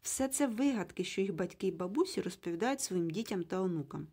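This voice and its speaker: A woman reading the part of an irritable, sharp-tongued mother who speaks curtly and snaps, in a husky voice. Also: mid-range voice, expressive, a little fast. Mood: irritated. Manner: curt, snapping.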